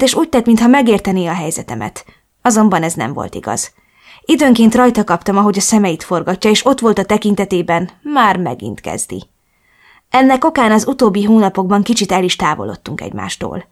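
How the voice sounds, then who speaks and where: Woman reading a novel aloud, first person, sad emotional narration, mid pitch. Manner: emotional, melancholic storytelling. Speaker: audiobook narrator.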